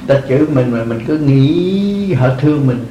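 Older monk. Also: male voice, medium pitch, expressive, a little slow, mellow, roomy sound, dull audio, a little hiss or hum. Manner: earnest, repeats phrases, chuckles often. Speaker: Buddhist monk teaching. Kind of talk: dharma talk to lay followers.

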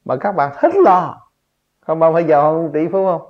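Very animated and at a moderate pace, a spiritual teacher with a slightly high voice teaches spontaneously about religion. He asks rhetorical question after rhetorical question, voice jumping up on key points, captured in a dull lo-fi recording.

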